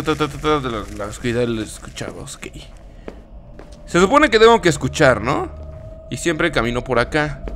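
A man's voice: mid-range voice, a bit bright, slight background noise. A young man commentating a horror game as he plays, reacting with swearing and nervous laughs. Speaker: gaming YouTuber.

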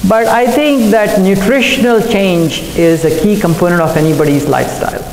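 A middle-aged man, a cardiologist, giving an earnest conference talk at a podium microphone, talking quickly with fillers and self-corrections. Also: sits high, a little mellow, a little hiss or hum. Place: large hotel conference room. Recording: echoey hall, recorded from afar.

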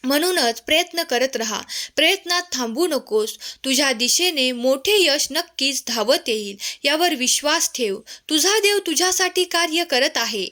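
A woman narrating a devotional message in a gentle, tender way, addressing the listener as a child. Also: high voice, animated, moderate pace, hardly any pauses.

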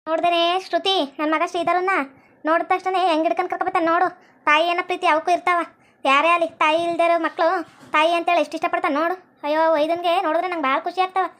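A woman plays a meddling, deaf old village woman in a comic family skit, using a North Karnataka Kannada accent and a shrill, nagging, melodramatic manner. Her delivery is flat, very fast and a bit bright.

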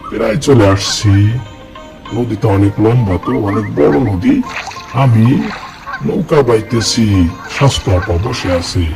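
A man's voice: fairly low pitch, a little slow. A man doing Raju, an earnest village boy. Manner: lively, repetitive storytelling. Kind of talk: first-person cartoon narration. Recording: cartoon voice-over with loud music. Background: background music.

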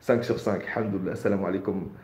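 Echoey man chatting on a livestream, mellow voice. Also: deep voice, steady tone, fast. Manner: informal, repeats greetings, mixes in Arabic phrases. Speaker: livestream host. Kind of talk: casual livestream chat, greeting viewers. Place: indoors in a bare, echoing room. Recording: hallway-like echo, resonant bare room.

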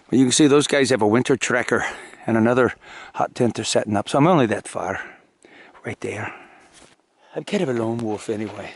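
A man vlogging casually outdoors in snowy winter woods, joking and playful as he talks. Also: medium pitch. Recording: noisy outdoor camera audio.

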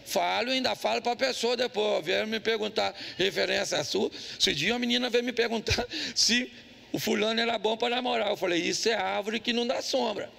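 High, gravelly pastor joking. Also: male voice, brisk, sharp tone, a little hiss or hum. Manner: joking storyteller, quizzes the congregation. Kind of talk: humorous sermon. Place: church.

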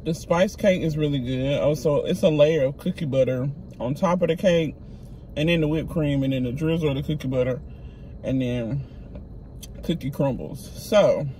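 A man's voice: on the high side, normal speed, mellow, a little hiss or hum. A man casually reviewing desserts in a vlog, talking while biting into cake in a chatty, slangy way. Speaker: food reviewer.

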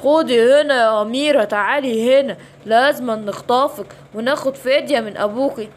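A woman's voice: fairly high pitch, brisk, a little hiss or hum, close to an everyday voice. Woman voicing a sneering hyena kidnapper. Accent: Egyptian Arabic. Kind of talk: children's bedtime story voicing.

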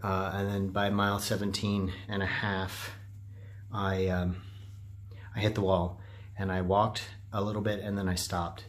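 A man's voice: low voice, level tone, a little slow. A middle-aged man recording a casual personal vlog on a handheld phone, rambling and self-deprecating as he talks. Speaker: running vlogger. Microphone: phone at arm's length.

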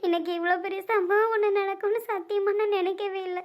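A woman's voice: extremely high pitch, steady tone, fast talker. A woman voicing a heartbroken young woman who talks in a weepy, pleading, self-pitying way. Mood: despairing.

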